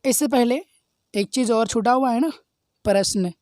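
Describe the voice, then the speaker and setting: A man's voice: extremely high pitch, darkish tone, no room sound, clean studio sound. A male teacher giving a step-by-step grammar revision lesson, often asking students whether they follow. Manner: keeps checking understanding with quick questions; explains step by step, answering his own questions.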